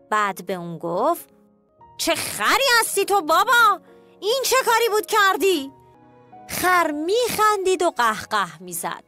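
A woman narrating a children's cartoon story in a lively, expressive way, speaking straight to the children. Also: a little high.

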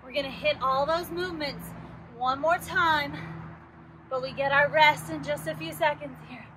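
A woman's voice: high voice, normal speed, noisy background. A woman fitness instructor leading a workout class, counting down intervals and urging people on while out of breath herself. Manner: encouraging, counts down intervals, works out while talking.

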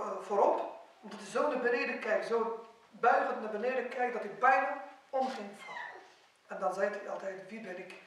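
A man preaching in a mosque, telling a story and acting out the quoted figures with sudden rises and drops in loudness. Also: sits high, a little hiss or hum. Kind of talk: mosque lecture. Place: mosque hall. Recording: very echoey hall, distant mic.

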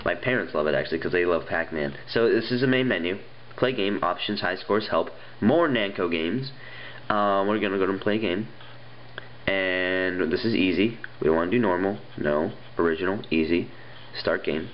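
A young man with a low-pitched voice, stuffy-nosed and getting sick, chats casually and rambles at a moderate pace as he reviews phone games at a wooden table indoors. He says um a lot and restarts often. The audio sounds dull, with slight background noise.

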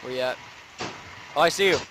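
Bright-voiced young man hosting a game. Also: a little high, a little fast, slight background noise. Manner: playful, laughs often. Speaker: gaming channel host. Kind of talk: casual let's-play chat.

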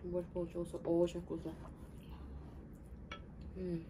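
A woman's voice: on the low side, monotone, takes it slowly. A woman hosting an eating video, talking with her mouth full and chewing, humming appreciatively between short remarks. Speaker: mukbang host. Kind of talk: casual eating chat. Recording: distant mic with background noise.

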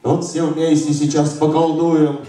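Jolly old Father Frost , played by a man, kids party magician manner, unhurried delivery, picked up from afar in a live hall. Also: on the high side, little pitch movement, warm tone, lightly acted. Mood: playful, coaxing. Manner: kids party magician, coaxing children through magic words. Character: Grandfather Frost, jolly forgetful old winter wizard. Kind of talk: live children's New Year party performance. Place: banquet hall, indoors. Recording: roomy, distant camera pickup with music.

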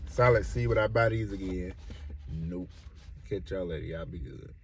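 A man doing a casual food review, chatty and relaxed, repeating himself and chuckling often. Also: deep voice, normal speed, noisy background. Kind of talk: casual product review vlog.

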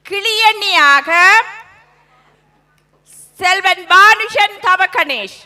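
A woman announcer gives a formal, measured introduction of a play's cast. Her voice is very high and very bright, and she speaks slowly.

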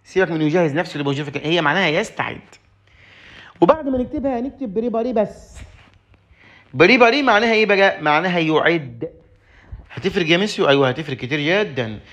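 A man's voice: sits high, racing. A man with an Egyptian Arabic accent teaching a lesson, explaining a French text and acting out its dialogue lines. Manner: lively, acts out dialogue lines in a raised voice.

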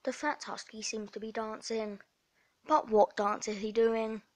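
A woman's voice: on the high side, fairly even intonation, measured pace. A young woman narrating her dog at home as a playful parody of a nature documentary, with mock-serious commentary. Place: at home indoors.

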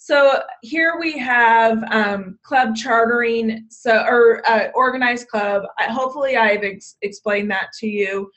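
A woman's voice: on the high side, measured pace, hardly any pauses, a bit bright. Woman, staff orientation presenter, conversational, many ums and restarts, tiring voice. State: losing her voice. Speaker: state 4-H program leader.

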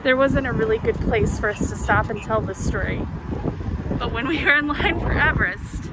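A woman's voice: fairly high pitch, moderate pace. A woman chatting casually while vlogging outdoors at a theme park, talking through a face mask in an upbeat, rambling way. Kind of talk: casual vlog chat. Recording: outdoor street noise behind.

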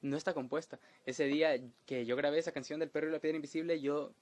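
A man's voice: on the high side, steady tone, quick pace, a little mellow. A young man telling a crude, self-mocking comedic story in a casual monologue.

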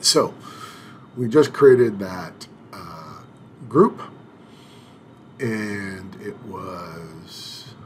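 Clicking through a software setup in a screen-recorded tutorial, an IT administrator talks slowly in a fairly low voice. He hums, hesitates, and restarts along the way, while a faint hiss sits beneath his voice from the desk mic.

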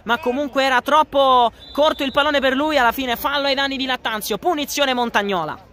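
A man giving excitable, breathless live football commentary. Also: very high voice, fairly quick. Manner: excitable, breathless running goal-action commentary. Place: outdoor floodlit football ground at night.

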